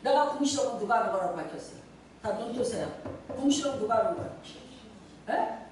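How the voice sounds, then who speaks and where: Animated woman pastor in echoey church. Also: fairly high pitch, brisk, slight background noise. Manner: lively, acts out scenes, talks directly to the congregation. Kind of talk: sermon. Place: church sanctuary. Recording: echoey church room, mic at a distance.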